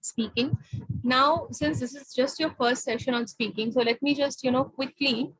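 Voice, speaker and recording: An Indian woman coaches her student over a video call, switching between Hindi and English. Her voice is a touch high and husky, her pace unhurried. The sound is close and dry, with no room around it. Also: fairly even intonation, fairly bright tone, no room sound, poor audio. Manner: explanatory, checks understanding often. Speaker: IELTS speaking tutor. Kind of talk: online tutoring session, mixing Hindi and English.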